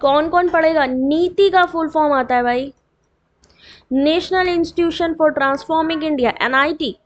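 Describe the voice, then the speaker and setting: A woman with a high voice teaches an online exam revision lesson. She reads each full form slowly and carefully, then drops into quick chatty asides to her students, with a dry throat. The recording sounds dull and lo-fi.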